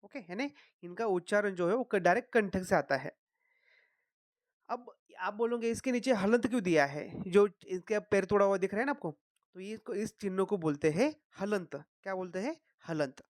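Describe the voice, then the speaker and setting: A teacher talks through a lesson in a mid-pitched, even voice. Each sound is repeated slowly, with frequent checks that the listener is following. The recording is dry and close, with no room echo. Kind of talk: explanatory lesson.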